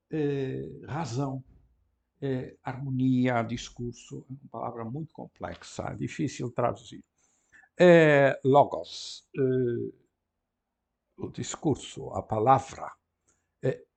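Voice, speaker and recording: A man with a European Portuguese accent teaching a Greek lesson, explaining patiently, often tagging his sentences with a question and repeating key words slowly. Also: mid-range voice, gravelly, a little mellow. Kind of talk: classroom lecture.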